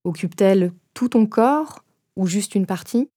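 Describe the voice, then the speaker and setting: Soft, mellow woman guiding a meditation. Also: mid-range voice, animated, husky. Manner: unhurried, gentle instruction with pauses. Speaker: meditation guide. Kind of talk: guided meditation.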